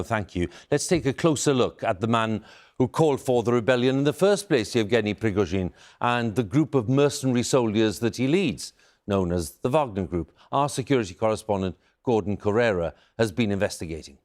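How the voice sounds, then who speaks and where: A man's voice: medium pitch, expressive, brisk. A man presenting the news as a studio anchor, handing over to correspondents.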